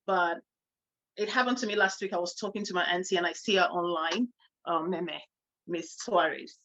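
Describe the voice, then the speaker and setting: A middle-aged woman co-hosting a casual chat, telling a story in a lively way and laughing often. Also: mid-range voice, dull audio. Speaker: co-host.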